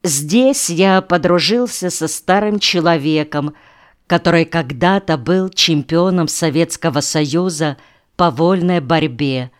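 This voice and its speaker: A woman narrating an audiobook in a measured, unhurried reading with pauses between phrases. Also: low voice, clean tone. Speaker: audiobook reader.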